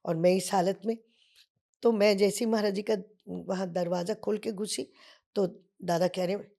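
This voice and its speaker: An older woman from Bengal, a dancer guest on a podcast, telling lively anecdotes in conversation and acting out other people's voices, with English phrases mixed in. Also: medium pitch, normal speed, creaky. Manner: mixes English phrases into her speech. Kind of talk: storytelling interview.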